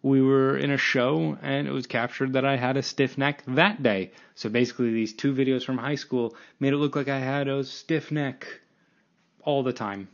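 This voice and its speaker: A man's voice: medium pitch, fairly even intonation, normal speed, creaky, highs cut off. A man in his late twenties hosting a solo podcast, rambling casually and self-deprecatingly with frequent restarts. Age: 20s. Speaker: podcast host.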